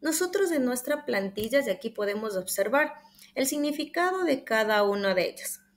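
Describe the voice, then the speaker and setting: A young woman with an Ecuadorian Spanish accent presents a lesson from slides in a fairly high voice. She explains each point step by step and reads every example aloud. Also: expressive, normal speed. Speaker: student presenter. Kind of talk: slide-based class presentation.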